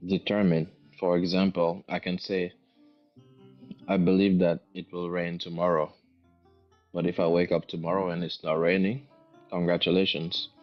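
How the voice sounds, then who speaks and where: A man with a thick foreign accent in casual discussion, thinking aloud hesitantly and repeating his phrases. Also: low voice. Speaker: guest answering questions. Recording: dull lo-fi audio, music behind.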